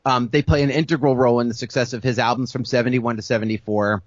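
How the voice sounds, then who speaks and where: A man co-hosting a podcast, telling a music-history story in a casual, animated way, acting out the people he quotes and laughing often. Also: mid-range voice, fast talker, no room sound, dull audio. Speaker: podcast co-host.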